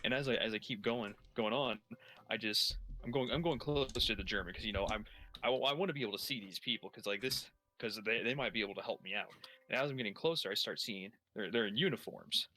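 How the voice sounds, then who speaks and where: A storyteller on a gaming stream, a man with a lowish voice that sounds pushed and bright, talks fast while improvising a long comedic first-person story. He swears constantly and rambles, restarting his sentences again and again.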